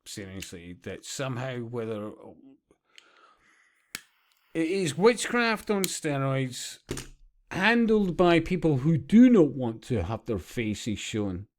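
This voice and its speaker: A man's voice: medium pitch, very animated, slow pace. A man giving profane, sarcastic commentary, often breaking into laughter. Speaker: vlogger. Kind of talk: ranting commentary.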